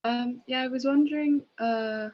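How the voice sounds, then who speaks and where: A woman's voice: a little high, measured pace. A young woman on a video call, chatting in a bubbly, hesitant way with many ums. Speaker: participant. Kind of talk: casual chat on a video call. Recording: dull, muffled video-call audio.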